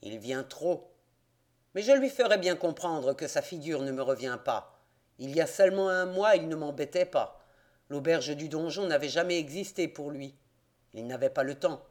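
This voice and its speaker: A man reading an audiobook, voicing a gruff, hostile male innkeeper in the countryside who growls his words in rustic speech. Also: a little high, moderate pace, darkish tone, natural voice. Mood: grumbling.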